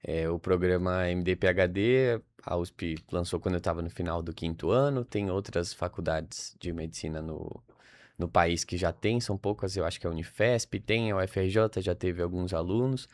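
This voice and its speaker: Chatting informally as a podcast guest, a young Brazilian-accented man from Salvador thinks out loud and leans on tag questions often. He speaks at normal speed in a low voice, with no room sound in this casual interview.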